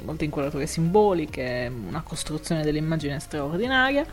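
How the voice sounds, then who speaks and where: A woman's voice: sits low, animated, moderate pace. A woman co-hosting a casual film show, retelling a plot in a playful, conversational storytelling way. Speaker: podcast co-host.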